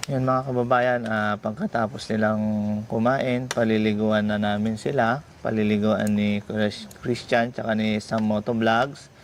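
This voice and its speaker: Male vlog host, slow and soothing, noisy outdoor-type backdrop. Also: lowish voice, little pitch movement. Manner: gentle, repetitive coaxing questions. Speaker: vlogger host. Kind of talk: casual vlog chat, coaxing questions. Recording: noisy background.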